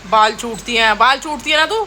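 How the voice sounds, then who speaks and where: A woman's voice: fairly high pitch, a little fast, pushed and bright, a little hiss or hum. A young woman, a mother, chatting casually in a home vlog and scolding her children now and then. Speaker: vlogger and mother. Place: home kitchen and rooms.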